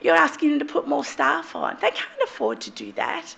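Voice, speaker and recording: Australian woman, fairly high but heavily creaky, stuffed up with a cold, emphatic and exasperated at a public meeting. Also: huge pitch swings, normal speed, fairly bright tone. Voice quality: stuffy-nosed, croaky voice from a cold. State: has a cold. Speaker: local taxi driver at public meeting. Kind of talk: impassioned public comment.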